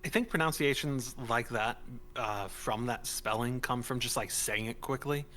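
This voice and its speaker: A man's voice: mid-range voice, moderate pace, fairly bright tone, a little hiss or hum. A man in casual chat on a game stream, explaining his thoughts at length. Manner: explanatory, musing on word sounds. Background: game music.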